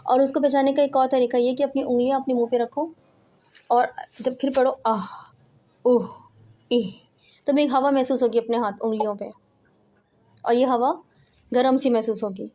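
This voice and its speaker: A woman's voice: sits high, fairly even intonation, dark tone. Patient woman teaching throat sounds. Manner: patient, explains step by step and demonstrates throat sounds. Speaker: Quran pronunciation teacher. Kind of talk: informal home lesson on letter sounds. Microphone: home recording, phone.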